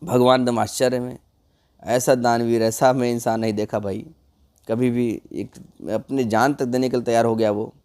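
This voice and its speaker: A man's voice: mid-range voice, little pitch movement, normal speed, a little mellow. A man narrating a comic folk tale in a loose, conversational way, addressing his viewers. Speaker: storyteller.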